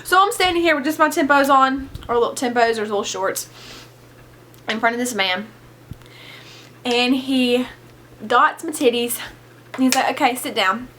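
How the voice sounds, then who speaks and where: A young woman telling a candid storytime in a casual vlog, chatty and animated, swearing freely. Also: high-pitched, normal speed, pauses often, a little hiss or hum. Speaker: vlogger.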